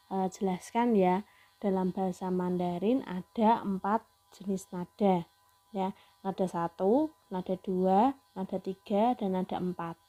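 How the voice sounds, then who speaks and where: A woman teaching a Mandarin lesson to students, slowly modeling sounds for them to repeat. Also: medium pitch, mellow, muffled recording. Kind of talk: online class lesson.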